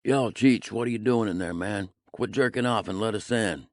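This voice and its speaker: A man voicing a brash young male street thug who shouts and taunts. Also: fairly low pitch, moderate pace, no room sound, clean studio sound, pitched above the performer's own voice, lightly acted. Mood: taunting. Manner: loud, taunting.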